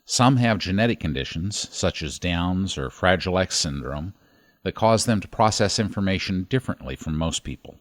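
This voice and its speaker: A man hosting a podcast, narrating a story in a measured, scripted delivery. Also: sits low, animated, no echo. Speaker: podcast host.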